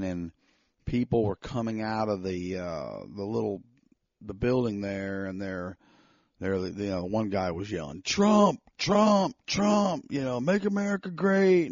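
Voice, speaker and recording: A man co-hosting a casual podcast, telling a story with animated bursts when heated. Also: fairly low pitch, moderate pace, no room sound. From North Carolina. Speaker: podcast co-host. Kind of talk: casual chat. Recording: slightly dull dry sound.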